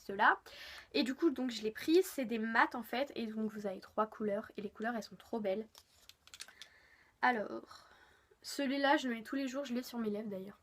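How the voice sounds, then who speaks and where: An eighteen-year-old woman from France chatting casually through a makeup haul, gushing with lots of fillers. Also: fairly high pitch. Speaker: beauty vlogger. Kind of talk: casual haul video chat.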